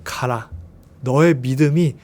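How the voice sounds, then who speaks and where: A man voicing a calm, commanding figure who speaks slowly and solemnly in a children's Bible story. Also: mid-range voice, voice pushed down, close to an everyday voice. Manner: slow, solemn, hushed.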